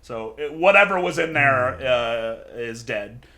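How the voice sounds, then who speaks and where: Male game master, slow and halting, very bright tone, giggles between lines. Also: mid-range voice, expressive. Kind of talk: narrating a tabletop game.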